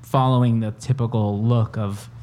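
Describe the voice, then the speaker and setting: A young man from El Salvador in casual conversation, talking reflectively with many pauses and fillers. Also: mid-range voice, fairly even intonation, mellow. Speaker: conversation partner. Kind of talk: casual chat.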